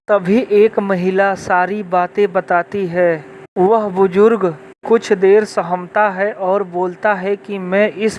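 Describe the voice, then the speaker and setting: A man narrating a moral folk tale as a storyteller, reciting it plainly from a script. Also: high-pitched. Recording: dull lo-fi sound, faint background noise.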